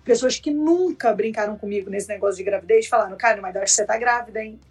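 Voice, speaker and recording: A woman's voice: medium pitch, fast, slightly rough, distant mic. A young woman co-hosting a podcast, telling a personal story chattily and talking straight to the listeners. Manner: chatty, addresses listeners directly. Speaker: podcast host. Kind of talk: casual storytelling chat.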